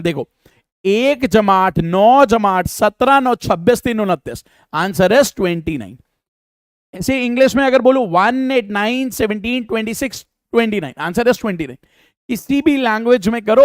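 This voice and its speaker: A man teaching a live online math class, drilling sums aloud, urging students to go fast, and answering their chat questions. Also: high voice, dry recording, studio quality. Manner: brisk, drills sums aloud and urges speed.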